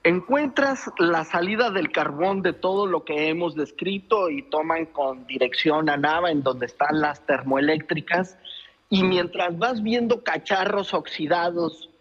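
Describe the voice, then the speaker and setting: A man's voice: fairly high pitch, measured pace, fairly bright tone, breathy edge. A middle-aged man reporting by phone from the roadside, telling his story with hesitant restarts. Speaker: field reporter. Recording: muffled phone line.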